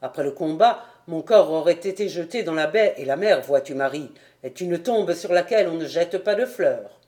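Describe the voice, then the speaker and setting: A woman reading aloud voices an anguished proud nobleman in an audiobook, declaiming his laments loudly in a lower, mellow tone. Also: lively intonation, moderate pace. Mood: bitter grief.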